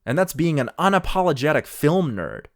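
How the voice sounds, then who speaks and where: A man's voice: fairly high pitch, very animated, moderate pace. A man giving scripted narration for a video essay in an analytical tone, with dry jokes tossed in. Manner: dry jokey asides in an analytical tone.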